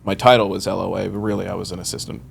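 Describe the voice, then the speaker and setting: A mortgage loan officer in his early thirties, a guest in a casual interview, tells his career story in a low, flat, creaky voice at a rapid-fire clip. He rambles, acts out quoted conversations, and laughs often. There's slight background noise.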